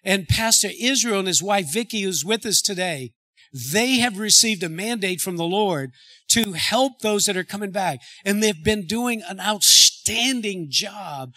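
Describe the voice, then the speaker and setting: A church pastor earnestly introduces a guest speaker and reads scripture as a sermon introduction, with some restarts. His voice is high, animated, and sharp, delivered at a measured pace.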